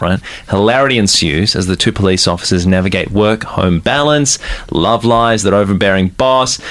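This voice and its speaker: A man's voice: on the low side, a bit bright. An Australian man hosting a radio show with chatty, informal studio banter. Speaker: radio host.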